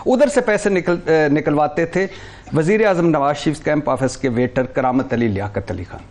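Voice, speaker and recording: Animated man in a TV political debate. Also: fairly high pitch. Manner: animated, lists names rapidly with restarts. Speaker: talk show guest. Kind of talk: heated political talk.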